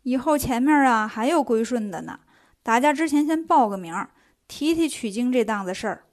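A woman's voice: a little high, animated, moderate pace, close to an everyday voice. A woman voicing a female bodhisattva who scolds and teases in a bossy way. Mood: explaining. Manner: bossy, teasing, at times hushed.

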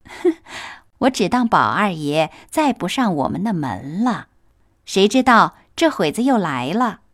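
A woman's voice: mid-range voice, sing-song, unhurried, darkish tone, pitched above the performer's own voice. A woman voicing a cheerful young maidservant who teases her mistress and the young master in a storybook reading. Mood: teasing. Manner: teasing, cheerful. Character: teasing young maidservant, lively and chatty.

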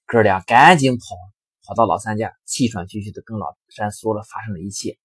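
A man narrating a children's story in a lively, expressive reading. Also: on the low side, brisk, husky, no echo. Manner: lively, expressive reading with sharp rises in volume.

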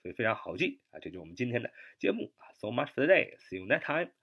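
A young man teaches English vocabulary in a bright, forward voice. His pitch rises and falls a great deal as he spells words out letter by letter. He stretches the English terms slowly and fills his pauses with "啊". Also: very animated, breathy edge. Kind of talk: spoken vocabulary lesson.

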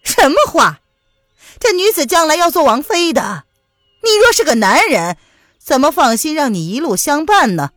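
A woman's voice: mid-range voice, sing-song, unhurried, no room sound, clean studio sound, faint music behind. A woman voicing a haughty fairy envoy, a man in disguise, who sneers and gives orders. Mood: impatient. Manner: scornful, commanding, sneering.

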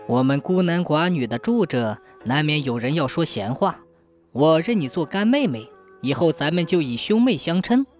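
A woman voicing an upright, kind-hearted young man who speaks in a steady, earnest way in a storybook tale. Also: sits low, normal speed, soft background music, voice pushed down. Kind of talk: storybook narration.

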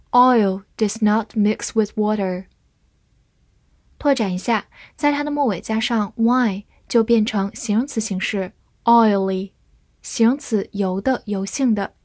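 Slow, measured woman teaching vocabulary. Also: medium pitch, a little mellow, no echo. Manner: slow, measured spelling and example reading. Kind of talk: scripted vocabulary lesson.

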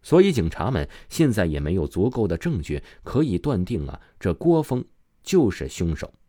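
A man's voice: low-pitched, big pitch swings, warm tone, no room sound, studio quality. A man narrating a scripted true crime story as a dramatic storyteller, drawing out his phrase endings. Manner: dramatic storyteller phrasing with drawn-out sentence particles.

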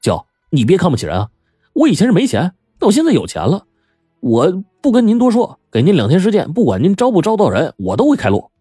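A man's voice: on the low side, big pitch swings, dark tone, husky, no echo, clean studio sound, faint music behind, exaggerated voice. A man voicing an eager, proud young excavator driver who earnestly defends his plans. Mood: defiant. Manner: earnest, defiant, quick.

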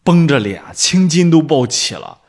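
A man's voice: fairly high pitch, sing-song, normal speed, darkish tone. A man chatting casually in a podcast, telling a story with lots of fillers and small laughs. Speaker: tennis fan guest.

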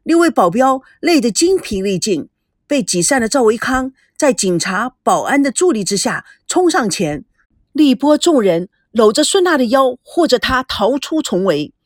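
A woman narrating a story with a lively, expressive reading. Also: fairly high pitch, normal speed, dry recording, studio quality. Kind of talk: scripted narration.

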